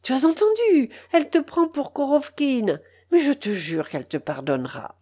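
A woman's voice: high voice, very animated, normal speed, dark tone, pitched above the performer's own voice. A woman doing a frightened, pleading uncle. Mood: anxious pleading. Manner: anxious, pleading. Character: timid middle-aged man, frightened, pleading, kindly.

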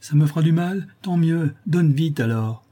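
A man's voice: a little high, moderate pace, mellow, voice pushed up, lightly acted. A man reading aloud and voicing a feverish, bitter wife who speaks in a drawling, plaintive tone.

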